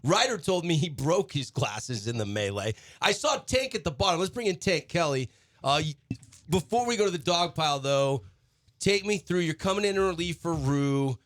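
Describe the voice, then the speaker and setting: A man's voice: a little high, sing-song, normal speed, a bit bright, no echo. A man hosting a sports talk radio show, eagerly stacking questions for the players in the studio.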